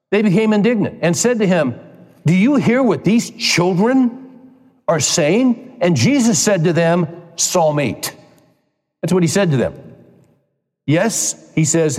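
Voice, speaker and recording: Man preaching in a reverberant hall. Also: darkish tone. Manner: emphatic preaching, voice climbing high for emphasis. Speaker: pastor. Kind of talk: sermon. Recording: long reverb of a large hall.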